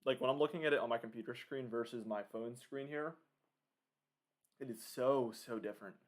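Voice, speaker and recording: Male livestream weather commentator, medium pitch, informal and off the cuff, addressing viewers directly. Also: fairly quick. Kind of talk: casual live hurricane commentary.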